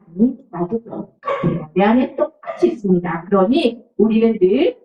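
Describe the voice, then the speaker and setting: Woman, children's sermon, animated, asks the kids questions; roomy, off-mic church hall sound. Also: medium pitch, normal speed. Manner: addresses children directly with frequent questions; mixes casual speech with formal preaching. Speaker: children's ministry preacher. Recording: roomy, distant, slightly dull sound.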